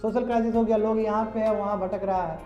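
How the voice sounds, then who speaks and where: A man's voice: high voice, fairly even intonation, quick pace, soft background music. A man lecturing a class, chatty, calling on students directly and mixing in English terms. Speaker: teacher. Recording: echoey classroom, slightly dull.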